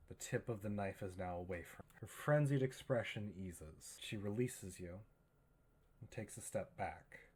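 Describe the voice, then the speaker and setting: A man narrating a tabletop horror game as game master, in a measured, suspenseful way. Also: fairly low pitch, husky.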